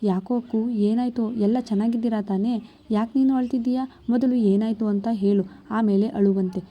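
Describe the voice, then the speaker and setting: A woman's voice: a little high, steady tone, moderate pace, muffled recording, natural voice. A woman voicing a blunt, exasperated young woman who scolds with impatient questions.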